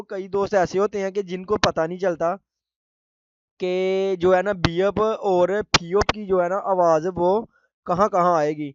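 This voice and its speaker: A man teaching a language lesson to viewers, calling them friends and repeating words slowly. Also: high-pitched, muffled recording, noisy background.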